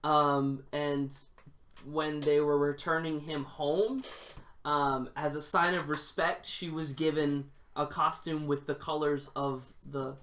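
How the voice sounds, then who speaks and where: A man's voice: on the high side, flat delivery, slow, a bit bright. A man co-hosting a casual gaming podcast, joking around and laughing often, with many hesitant fillers. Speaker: podcast co-host.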